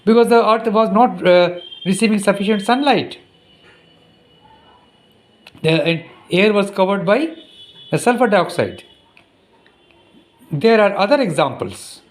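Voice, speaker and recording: A man with an Indian English accent, a teacher giving a recorded lesson. He reads from the textbook slowly, repeats passages, and stumbles over hard words. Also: sits high, lively intonation. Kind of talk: recorded classroom lesson, reading a textbook aloud.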